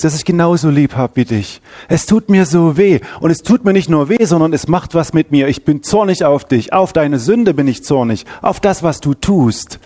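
A man doing God as a grieving, wrathful yet loving father. The voice rises well above the preacher's normal pitch and has a mellow tone. It presses each plea with emphatic repetition. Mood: pained. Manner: emphatic, repeating short pleading phrases.

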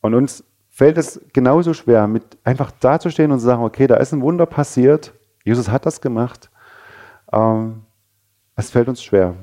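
A male pastor preaches in a conversational way, often asking his listeners questions. His voice is dark and mellow and sits at a middle pitch. He swings between raised, pressing lines and quiet, low ones. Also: normal speed. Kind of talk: sermon.

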